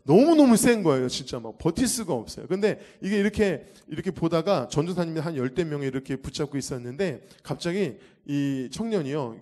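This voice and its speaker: Lively man telling a church testimony. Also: a little high. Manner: vivid storytelling, acting out the scenes. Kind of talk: animated testimony before an audience. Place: church hall.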